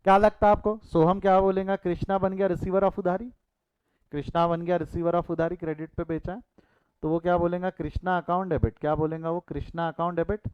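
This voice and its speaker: A man teaching accountancy in a lively lecture, repeating phrases and quizzing his class. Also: high voice, a little fast, clear, resonant tone, no room sound. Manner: animated, repeats phrases, asks the class questions. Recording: dull dry lo-fi recording.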